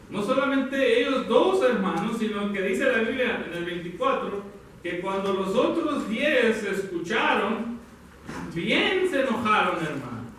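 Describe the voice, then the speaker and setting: Man, preacher, sermon, high voice, halting self-corrections, heavy hall echo, far from mic. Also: a bit bright, a little hiss or hum. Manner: addresses listeners as brothers, halting with self-corrections. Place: church hall.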